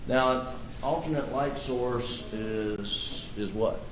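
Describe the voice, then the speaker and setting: A man's voice: mid-range voice, slow pace. A man acting as defense attorney, pressing a witness with pointed leading questions, heard in a courtroom recording. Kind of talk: courtroom cross-examination. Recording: echoey courtroom feed, faint hiss.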